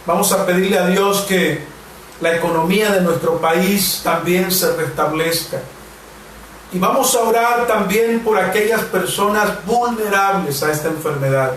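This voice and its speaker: A man in his forties from Mexico, a pastor preaching a devotional and then leading prayer, with slow, emphatic repetitions. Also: sits high, a bit bright. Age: 40s. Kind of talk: sermon and prayer. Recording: very echoey room, distant mic, faint hiss.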